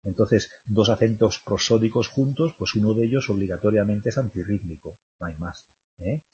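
A man with a fairly low, darkish voice, speaking at a normal pace, teaches a poetry lesson by reasoning out loud and tacking a tag question onto almost every phrase. This recorded poem analysis sounds dull, dry, and lo-fi, with slight hiss or hum.

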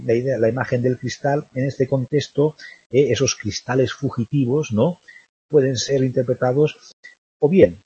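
A man's voice: mid-range voice, mellow, breathy edge, no room sound. A man teaching a poetry lesson, thinking aloud and checking in with the listener after nearly every phrase. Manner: constant tag questions, thinking aloud. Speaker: literature teacher. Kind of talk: recorded lecture analyzing a poem. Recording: dull dry lo-fi recording.

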